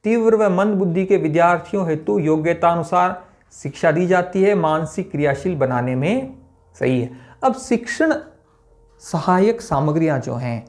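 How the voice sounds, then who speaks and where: A man's voice: a little high, expressive, normal speed, darkish tone. A male lecturer giving an exam-prep lesson, who explains step by step and asks and answers his own questions.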